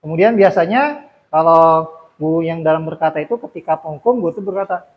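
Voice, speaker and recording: A man's voice: on the high side, animated, fast, highs cut off. A man talking fellow teachers through a lesson in an informal, explanatory way, repeating points with fillers and self-corrections.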